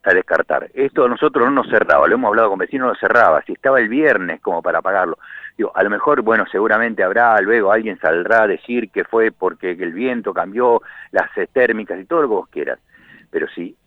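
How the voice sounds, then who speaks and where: A man's voice: on the low side, lively intonation, a little fast, no echo. An Argentine man, a radio correspondent, calling in and talking in an impassioned, indignant way with many restarts. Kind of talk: phone-in radio commentary. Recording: tinny phone line.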